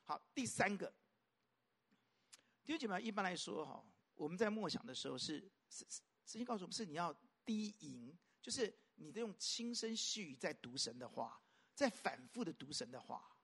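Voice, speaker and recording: A man preaching a sermon as a pastor. He keeps asking rhetorical questions and swings from loud, emphatic lines to soft, quiet ones. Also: high voice, very animated, moderate pace, breathy edge.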